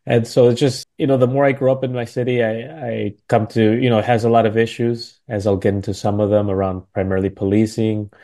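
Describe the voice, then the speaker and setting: A man's voice: on the low side, level tone, fast talker, hardly any pauses, warm tone. A man in his thirties from Milwaukee giving a conversational talk as a guest speaker, often adding "right?" and "you know" to his phrases. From Milwaukee, United States. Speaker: guest speaker, community organizer. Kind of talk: prepared talk at a panel event.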